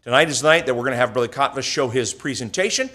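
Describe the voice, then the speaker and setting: A pastor introducing a missionary guest to his congregation in a warm, affirming way. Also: medium pitch, lively intonation, racing. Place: church sanctuary.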